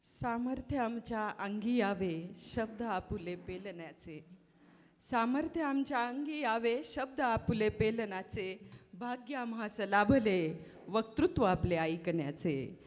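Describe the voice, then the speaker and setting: Slow measured woman reciting verse. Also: fairly high pitch, expressive, in a large hall, slight background noise.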